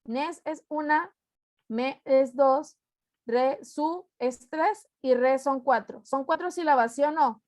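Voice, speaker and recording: A woman's voice: high voice, slow, darkish tone, no echo. A young woman from Mexico teaching an online class, patiently explaining rules step by step and repeating them.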